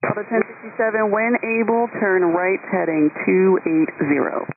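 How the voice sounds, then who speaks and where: A woman's voice: mid-range voice, moderate pace, narrow, tinny audio. A woman working as an air traffic controller, giving composed, courteous procedural instructions over the radio.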